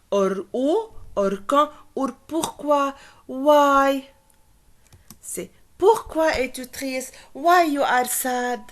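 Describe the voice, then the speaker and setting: A female French teacher walks a class through a grammar point, moving back and forth between French and English and repeating the key words. Her voice sits high and her pace is unhurried and deliberate.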